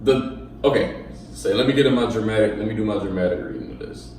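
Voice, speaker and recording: A man's voice: lowish voice, quick pace, darkish tone, slight background noise. Male podcast host, loose and slangy, recorded far from the mic in a roomy space. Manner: laid-back, loose slang, laughs often. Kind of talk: casual chat. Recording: echoey room, far from the mic.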